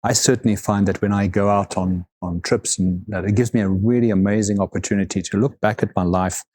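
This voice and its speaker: Deep-voiced man, reflective. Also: fairly even intonation, a little mellow, slight background noise. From South Africa. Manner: thoughtful, unhurried, repeats words as he gathers thoughts. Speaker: guest, overland vehicle consultant. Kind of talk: reflective interview conversation.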